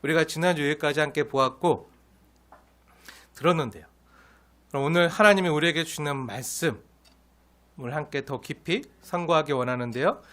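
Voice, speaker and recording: A male pastor preaching an expository sermon, lively and animated, often asking the congregation questions. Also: a little high, normal speed, pauses often.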